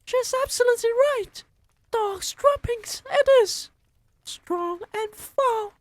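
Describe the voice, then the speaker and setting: A man voicing a crowd of alarmed female witches in a piercing falsetto, reading a storybook aloud. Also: takes it slowly, no room sound. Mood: shrieking alarm. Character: shrieking, screeching chorus of female witches.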